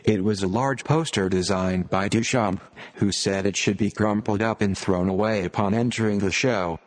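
A man's voice: on the low side, steady tone, moderate pace. Synthetic male narrator, old speech synthesizer, long reverb. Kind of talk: scripted narration, read aloud.

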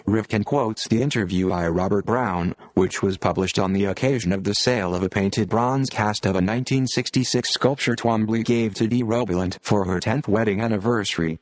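A man's voice: lowish voice, moderate pace, hardly any pauses, no room sound. A synthetic male voice like an old speech synthesizer, mechanically reading scripted text aloud. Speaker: narrator of an audio series.

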